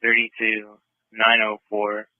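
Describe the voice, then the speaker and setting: A male dispatcher's voice comes through a police radio, tinny and narrow with no room around it. His pitch sits a little low and barely moves as he reels off unit numbers in clipped, even phrasing. The delivery is steady, routine radio procedure. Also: slow, no room sound. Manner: clipped, flat call-sign phrasing. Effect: police radio transmission.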